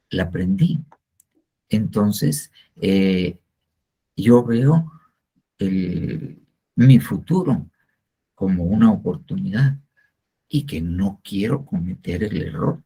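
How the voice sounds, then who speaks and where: A man's voice: deep voice, dark tone, husky. An older man teaching a church discipleship class in a rambling, repetitive way, full of hesitant fillers. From Guatemala. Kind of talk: informal sermon teaching. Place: church class, not seen.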